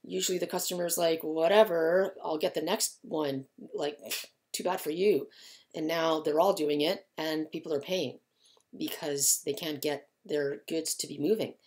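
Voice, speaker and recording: A middle-aged Canadian woman, a lumber market analyst and host, talks through the market informally, explaining things conversationally. Her voice sits low and a bit dark, with a steady tone and moderate pace. She's in a small indoor office lined with shelves of files.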